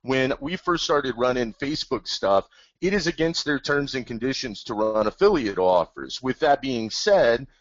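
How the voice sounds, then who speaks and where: Man co-hosting a webinar; eager, rambling, plain talk; mid pitch, dry and muffled call audio. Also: expressive, normal speed, no echo. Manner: enthusiastic, rambling, plain-spoken. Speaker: webinar co-host. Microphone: computer mic over an online call.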